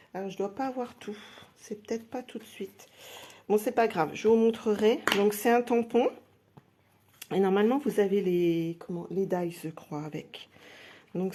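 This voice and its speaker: A woman's voice: medium pitch, a little mellow, slight background noise. A woman chatting casually while unboxing craft supplies live, thinking aloud with many hesitations. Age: adult with a day job. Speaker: craft product seller.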